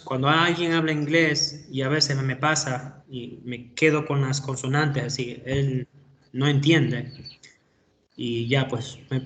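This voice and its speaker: Slow-talking Ecuadorian male teacher. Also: medium pitch. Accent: Ecuadorian Spanish. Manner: slow, explanatory, with frequent hesitations. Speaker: English teacher. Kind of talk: online class feedback.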